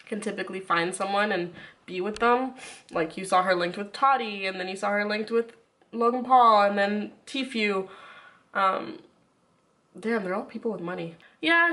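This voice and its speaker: Woman, mid-pitched voice, casual YouTuber commentary, rambling and informal, sick with a runny nose. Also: a bit bright. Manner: informal, rambling, frequent filler "like". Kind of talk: casual chatty commentary to viewers.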